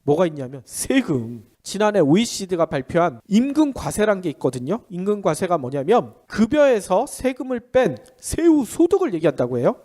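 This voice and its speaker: A man's voice: high-pitched, big pitch swings, normal speed, hardly any pauses, dark tone. A man with a nasal, pinched-nose voice congested by a head cold, hosting a conversational economic briefing in a chatty, explanatory way with questions he answers himself. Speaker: economic news podcast host.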